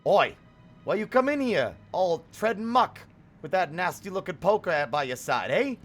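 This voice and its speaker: A man voicing a gruff, rustic male bug villager in a video game, talking in a blunt folksy dialect. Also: medium pitch, fairly quick, fairly bright tone, natural voice. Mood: grumbling. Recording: game music behind.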